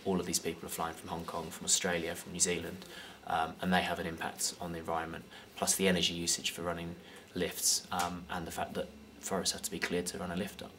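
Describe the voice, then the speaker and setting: Low, gravelly young Englishman. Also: monotone, quick pace, few pauses, sharp tone, a little hiss or hum. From United Kingdom. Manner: hesitant, many fillers and restarts. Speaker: guest. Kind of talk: casual interview answers.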